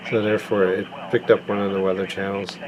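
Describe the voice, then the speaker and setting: A fast-talking man with a low voice demonstrates a product in a casual, plain-spoken walkthrough, the way a product reviewer would. He's recording at a tabletop indoors at home, and the audio is clear apart from a steady hum of air conditioning.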